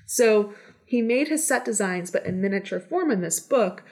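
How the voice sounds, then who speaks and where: Woman w lots of vocal fry chatting keenly in an interview, meeting room mic. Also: medium pitch, lively intonation, moderate pace, darkish tone. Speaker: podcast guest, special collections manager. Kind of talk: casual explanatory interview chat. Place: conference room.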